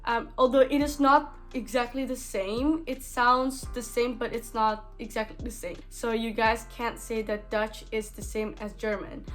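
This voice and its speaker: A young Indonesian vlogger with an Indonesian accent talks chattily to camera from a small bedroom, full of "like" fillers and restarts. Her voice is fairly high and steady, at a measured pace with few pauses, and faint music plays behind her.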